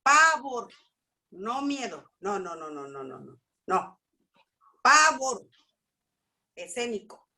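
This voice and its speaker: A middle-aged woman gives a personal testimony at a church family class, telling her story with lively expression and acting out what people said. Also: on the low side, measured pace. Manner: animated storytelling, acts out dialogue. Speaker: speaker at a church family school.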